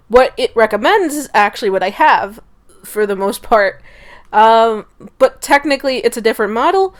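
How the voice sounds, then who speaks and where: A woman's voice: a little high, clean tone. A young woman talking casually through a gaming setup tutorial, chatty and often correcting herself. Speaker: gaming YouTuber. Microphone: desktop USB mic.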